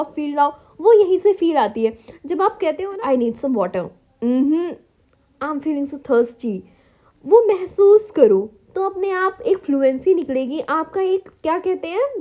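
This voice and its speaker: A woman from India with a high voice and darkish tone teaches spoken English, mixing Hindi with English phrases. She's encouraging in this Hindi-English lesson and addresses her viewers as her children.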